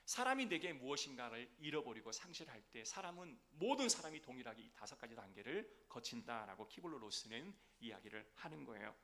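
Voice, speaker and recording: Male pastor, Sunday sermon in a church; lively, rising and falling delivery, keeps asking the congregation questions. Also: mid-range voice, a little fast, few pauses. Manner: asks the congregation rhetorical questions. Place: church sanctuary.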